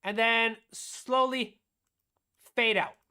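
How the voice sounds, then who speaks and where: A woman's voice: fairly high pitch, fairly even intonation, very slow, bright, forceful tone, clean tone. A woman teaching music production on a live stream, explaining her steps aloud as she demonstrates and answering her own questions.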